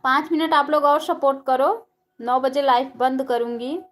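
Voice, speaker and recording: A woman's voice: high-pitched, steady tone, moderate pace. A woman hosting a casual live stream, chatting while doing housework and greeting viewers one by one by name.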